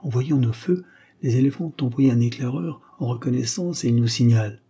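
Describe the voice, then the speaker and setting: A man's voice: mid-range voice, fairly quick, warm tone, slightly rough. A man reading the lines of a confident young woman warrior in a storybook, in a matter-of-fact way. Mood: assured.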